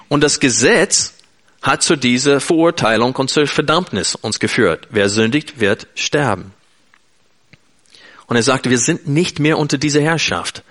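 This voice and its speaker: A man's voice: mid-range voice, a bit bright. A man preaching an earnest, emphatic sermon in German, speaking directly to his listeners.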